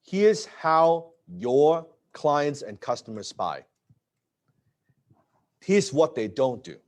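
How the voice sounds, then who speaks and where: A man in his late thirties giving an energetic live business talk, repeating words and often asking "right?". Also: on the high side, drawn-out words. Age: 30s. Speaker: presenter.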